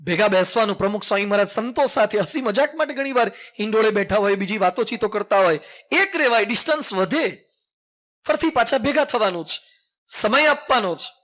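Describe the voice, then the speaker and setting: A high-pitched, bright-toned middle-aged monk delivering a sermon in a Gujarati accent. He tells folksy stories with jokes and leads his listeners in call-and-response, slipping English phrases into his talk. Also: lively intonation, a little fast. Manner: mixes English phrases into speech. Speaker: monk preacher.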